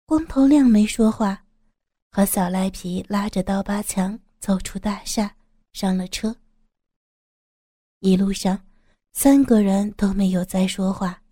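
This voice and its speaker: A woman calmly narrating a crime story as a storyteller, in an even reading voice. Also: mid-range voice, a little slow, pauses often, dry recording, clean studio sound.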